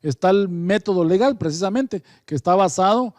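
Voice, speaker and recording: A man with a Guatemalan accent leads a Bible study in a fairly high voice. He moves between reading scripture aloud and explaining it in a relaxed, conversational way, often pausing on fillers and correcting himself. The recording is dry and close, with no echo. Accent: Guatemalan Spanish. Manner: hesitant, with frequent fillers and self-corrections.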